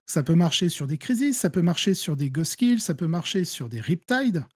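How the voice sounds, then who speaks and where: A French-accented man talking through strategy for a tabletop wargame in a relaxed, mellow voice. He explains things step by step, trailing off into fillers and restarting his sentences. The sound is dry and close. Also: on the high side, moderate pace, husky, no echo. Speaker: guest player. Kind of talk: casual gaming discussion.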